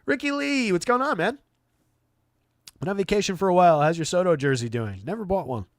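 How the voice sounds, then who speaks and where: His voice sits high and is expressive and brisk, captured in a dry recording. The man is hosting a fantasy basketball stream live, giving off-the-cuff analysis and chat responses with a dry, conversational feel.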